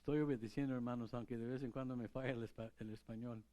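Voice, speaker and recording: A man's voice: mid-range voice, fairly even intonation, quick pace, mellow. A man preaching a sermon as pastor, talking in a conversational way and putting questions to the congregation. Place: church.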